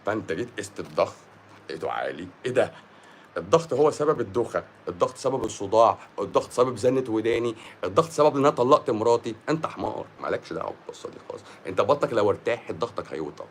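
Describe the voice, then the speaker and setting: A man with an Egyptian accent talks quickly and bluntly in a live-stream monologue. He sounds like a doctor who scolds his listeners and drops English words into his talk. His voice sits low. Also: very animated, slight background noise.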